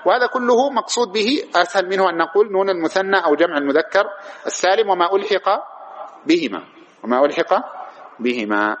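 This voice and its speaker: A man whose voice sits high and a bit bright teaches grammar, reading passages, explaining them, and answering his own questions to the students. The lecture is captured in dull lo-fi quality with faint noise.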